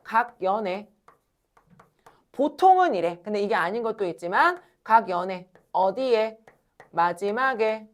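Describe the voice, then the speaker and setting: A woman teaching a classroom lecture, talking straight to her students, asking questions and answering them herself, and stretching words slowly when she demonstrates. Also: medium pitch. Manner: animated, addresses students directly, asks and answers own questions.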